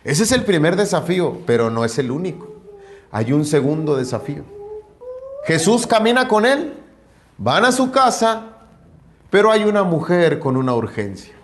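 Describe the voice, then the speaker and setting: A middle-aged pastor preaching with a somewhat high voice. He tells his stories vividly and makes sound effects with his mouth. He keeps speaking to the congregation throughout. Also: normal speed, slight background noise. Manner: animated storytelling with sound effects. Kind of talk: sermon.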